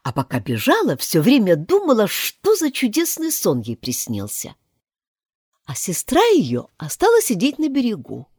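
A woman narrating an audiobook fairy tale in an expressive storybook manner. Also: normal speed, breathy edge, dry recording, clean studio sound. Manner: highly expressive, animated.

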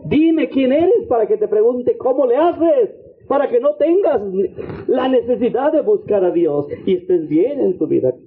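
A man's voice: expressive, unhurried, breathy edge. A man preaching a fervent sermon as a missionary, leading the congregation in repeated prayer invocations. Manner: fervent preaching, repeated invocations, swings between low and high pitch. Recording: tinny phone-like audio.

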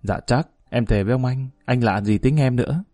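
A man voicing a fawning male underling who keeps flattering his boss in a spoken story. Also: mid-range voice, brisk, no room sound, studio quality, lightly acted.

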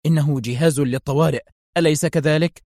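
A man's voice: fairly high pitch, fairly even intonation, fast talker, darkish tone, no echo, clean studio sound, lightly acted. A man reading aloud and voicing a fierce, determined young woman doctor who speaks sharply and urgently in a crisis. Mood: stern.

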